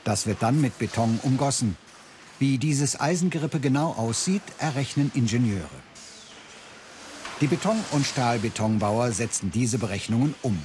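A man's voice: mid-range voice, darkish tone, a little hiss or hum. Man narrating a documentary voice-over. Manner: clear, measured voice-over delivery.

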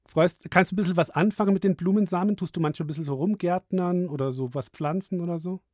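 A woman's voice: fairly low pitch, quick pace, darkish tone, no echo, clean studio sound. A woman hosting a children's radio call-in show, chatting encouragingly with young callers.

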